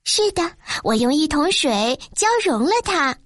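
A woman's voice: sits high, expressive, unhurried, no room sound, studio quality. A woman reading a storybook aloud and voicing a brave, determined young girl who speaks firmly and insistently. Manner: firm and insistent.

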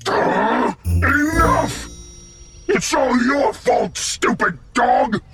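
General Abby, a shouting animal villain. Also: high-pitched, animated, drawn-out words, music in the background, heavily acted. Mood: furious. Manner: shouty, blustering.

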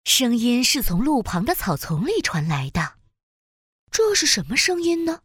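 Lively, high-voiced woman narrating children's stories. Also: moderate pace, husky, no echo, studio quality. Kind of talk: animated scripted children's story narration.

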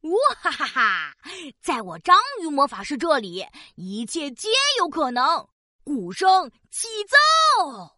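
Cheery showoff octopus wizard for kids story, bright n high, super theatrical. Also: female voice, big pitch swings, a little slow, hardly any pauses, no room sound, studio quality, full character voice. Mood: excited. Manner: theatrical, exclamatory, giggly. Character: cheerful showy octopus magician, excitable and easily scared. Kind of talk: children's audio story acting.

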